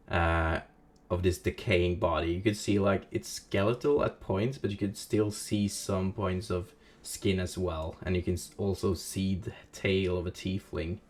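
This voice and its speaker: Slow-talking male game master. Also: deep voice. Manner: hesitant, many fillers, laughs often. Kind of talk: narrating a tabletop game.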